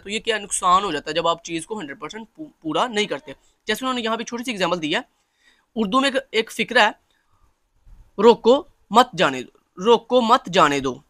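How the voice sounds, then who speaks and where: Pakistani male lecturer, high bright voice, repetitive friendly explaining. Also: dry recording, clean studio sound. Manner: repeats points, addresses listeners as friends.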